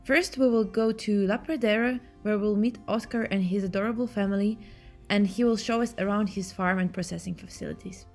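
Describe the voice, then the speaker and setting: Woman doing a scripted promo voiceover, soft guitar behind, even mid voice. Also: medium pitch, fairly quick. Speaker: narrator. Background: soft guitar music.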